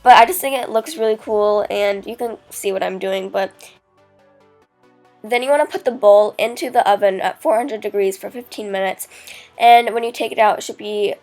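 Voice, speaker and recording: A woman's voice: medium pitch, moderate pace, a little mellow, faint music behind. Casting: teen girl vlogger, congested from a cold, chatty and rambling, lots of 'like' and 'um'. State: stuffy nose from a cold. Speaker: DIY vlogger. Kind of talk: casual tutorial talk.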